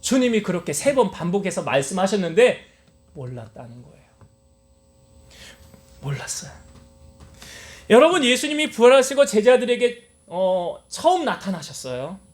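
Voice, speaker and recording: High-voiced male pastor preaching. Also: sing-song, normal speed, long pauses. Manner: asks the congregation questions and answers them himself. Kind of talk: sermon. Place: church sanctuary.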